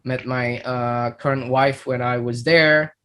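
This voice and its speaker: A man's voice: medium pitch, fairly even intonation, takes it slowly, fairly bright tone. A man in his thirties from Indonesia, with an Indonesian accent, telling his life story as a podcast guest. He talks reflectively, with many fillers and repeated words. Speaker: startup founder guest. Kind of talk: podcast interview, personal story.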